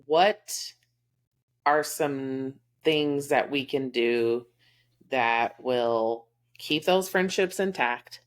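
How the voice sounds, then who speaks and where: Texan lady podcasting, real low voice, heartfelt and rambly, lots of ums. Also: extremely slow. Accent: Texas. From Texas. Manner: candid, heartfelt, lots of fillers. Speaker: podcast co-host. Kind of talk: casual chat.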